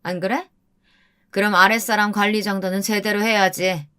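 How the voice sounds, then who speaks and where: Woman doing a haughty executive's wife, calm, lofty, talks down, radio story. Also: mid-range voice, moderate pace, clean tone, lightly acted. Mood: condescending.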